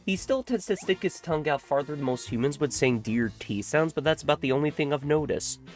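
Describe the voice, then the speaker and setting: A woman's voice: deep voice, faint music behind. A woman reading a chatty game villager. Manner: reads dialogue aloud in a lively, quick voice.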